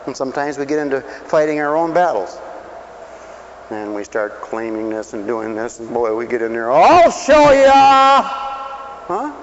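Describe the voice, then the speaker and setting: A man preaching a sermon, swinging between loud calls and low asides and asking the crowd questions. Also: dull audio, a little hiss or hum.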